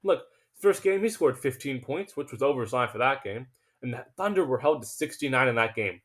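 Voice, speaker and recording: Fairly quick and medium-pitched, this male host delivers casual betting picks for a sports video. He sounds emphatic and self-assured, yet trips over his words and starts over whenever excitement takes hold.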